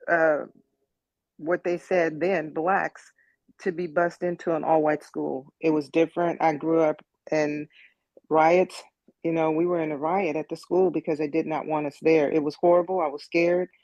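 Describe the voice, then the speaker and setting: A woman's voice: low voice, a little mellow, no echo, rough recording. A woman in her sixties from the United States, giving earnest personal testimony in an online meeting and repeating words as she thinks. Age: 60s. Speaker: meeting participant.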